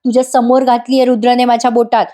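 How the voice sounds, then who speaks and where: A woman's voice: on the high side, little pitch movement, fast talker, warm tone, natural voice. A woman voicing a possessive young bride who threatens her rival, in a retold serial scene. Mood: combative.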